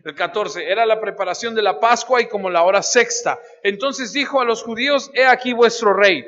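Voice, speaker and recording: High bright-voiced preacher in a reverberant church. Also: male voice, fairly quick, lo-fi sound. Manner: reads scripture aloud, then addresses listeners directly. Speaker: pastor. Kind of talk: expository Bible study sermon.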